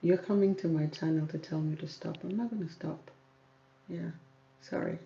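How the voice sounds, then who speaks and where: Reading viewer comments live, this YouTube hair channel host is a young woman born in South Sudan and brought up in Kenya. She has a creaky, dark-toned voice of fairly low pitch, talks at an ordinary speed, and stays firm, restating points to drive them home. Faint noise sits under a dull, roomy recording.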